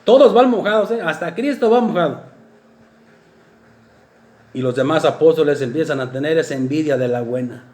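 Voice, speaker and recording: A man preaching a sermon, swinging between loud exclamations and soft low asides. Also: animated, moderate pace, long pauses. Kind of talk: sermon talk. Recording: echoey room.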